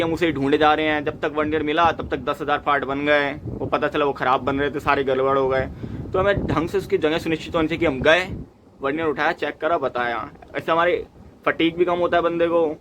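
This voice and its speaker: A young man with a somewhat high voice explains workplace methods like a mechanical engineer talking to trainees. He keeps it conversational and drops in quick acted asides. A faint hum sits behind him. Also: fairly bright tone. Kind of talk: casual explanatory talk to camera.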